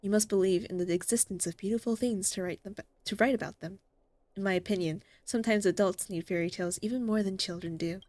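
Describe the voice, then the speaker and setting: A woman voicing a calm, kindly female doctor from a video game. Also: mid-range voice, fast, no room sound, lightly acted. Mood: gentle, thoughtful. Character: calm, kindly female doctor who likes fairy tales.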